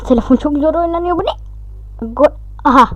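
A high-pitched woman chatting through a match in casual gameplay commentary. She talks to herself, and her voice jumps up into shrieks whenever a fight gets close. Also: brisk, fairly bright tone, dry recording, muffled recording. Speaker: gaming YouTuber.

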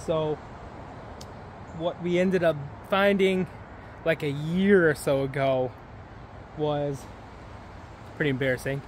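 A man in his thirties talks slowly and easily, rambling with fillers in a slightly high voice. He films himself on a handheld camera out in a yard, with faint outdoor sound behind him. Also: a little hiss or hum. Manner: laid-back, rambling with fillers. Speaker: vlogger. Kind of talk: casual vlog walkthrough. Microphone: handheld camera at arm's length.

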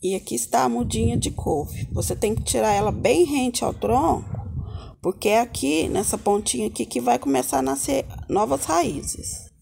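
A woman's voice: on the high side, normal speed, creaky, mellow, slight background noise. A Brazilian woman giving a casual, homely hands-on gardening tutorial, chatting informally to viewers as the host. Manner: addresses viewers as little friends, homely and informal. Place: outdoor home yard with potted plants.

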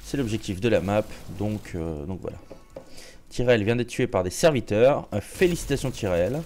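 A man giving casual live commentary on his own gameplay, joking and chatty, with a slightly sore throat that makes him clear it now and then. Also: on the low side, expressive, normal speed, a little mellow, a little hiss or hum. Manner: joking, chatty, many restarts and fillers. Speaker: game streamer.

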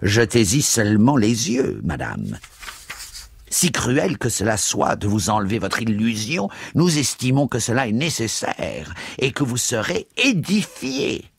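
A man reading aloud, voicing a smug scheming priest with a high, sneering, unctuous manner. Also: huge pitch swings, measured pace, vocal fry, breathy edge, heavily acted. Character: smug scheming middle-aged male priest.

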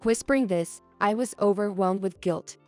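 A young adult woman reading a first-person story aloud as narrator, in a soft, earnest storytelling manner. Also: medium pitch, moderate pace, soft background music.

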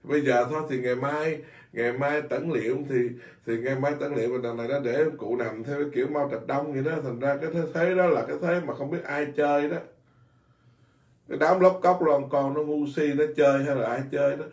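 A man's voice: medium pitch, fairly quick, roomy sound, far from the mic. A man, a Buddhist monk, giving an informal dharma talk in a blunt, scolding way, repeating himself often. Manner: blunt, scolding, animated with many repetitions.

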